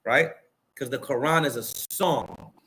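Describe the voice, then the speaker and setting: A man's voice: medium pitch, a little slow, sharp tone, a little hiss or hum. A man hosting a religious commentary stream, preaching and mocking the clips he has his co-host play.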